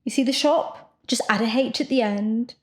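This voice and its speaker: Woman, podcast co-host, casual chat, exasperated, fairly high voice. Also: normal speed.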